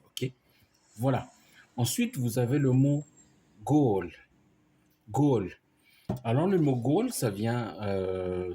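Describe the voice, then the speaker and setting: Man, language teacher, slow delivery, mellow husky voice, patient explanations, spells words out. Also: fairly low pitch. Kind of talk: language lesson.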